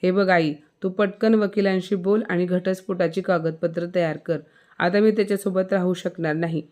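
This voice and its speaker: A woman's voice: medium pitch, steady tone, moderate pace, a little mellow, lightly acted. A woman voicing a proud, stubborn young wife who speaks with indignation. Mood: indignant.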